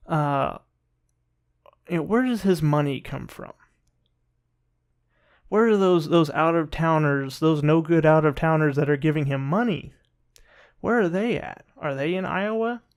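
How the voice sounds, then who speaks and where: A man giving casual political commentary in a rambling, halting and sometimes sarcastic way, often restarting his sentences. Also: a little high, a little mellow. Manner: rambling, halting delivery with repeated false starts. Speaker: political commentary video host.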